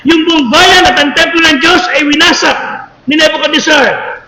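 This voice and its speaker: High bright-voiced Filipino preacher. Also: male voice, a little hiss or hum. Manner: mixes Tagalog and English, shouts for emphasis. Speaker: missionary preacher. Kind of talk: sermon. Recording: echoey hall with long reverb.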